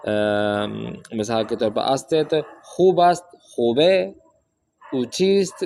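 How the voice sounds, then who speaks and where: A man teaching a Persian language lesson from a workbook, reading example sentences slowly and then explaining them step by step. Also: mid-range voice, darkish tone, slight background noise.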